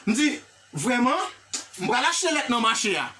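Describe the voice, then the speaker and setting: An English teacher with a Haitian accent giving a live online lesson, animated and repetitive, often checking in with the class and praising viewers by name. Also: medium pitch, a little fast, recorded from a distance, a little hiss or hum. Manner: animated, repetitive, checks in with "hein?" and "vous comprenez?".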